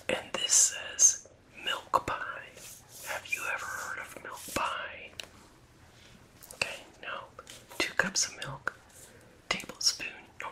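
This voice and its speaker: A woman doing an ASMR whispered role-play as a librarian, in a breathy, unvoiced library whisper, pausing between short phrases. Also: pushed and bright, rough recording. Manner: slow, unhurried, with gaps between short phrases. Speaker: ASMR host playing a librarian at a book fair.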